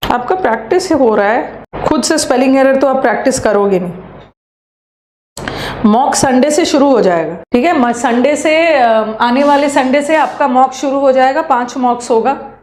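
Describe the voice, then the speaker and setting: A woman teacher, leading a live online class and briskly spelling out words letter by letter. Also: high-pitched, darkish tone. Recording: echoey room with faint hum.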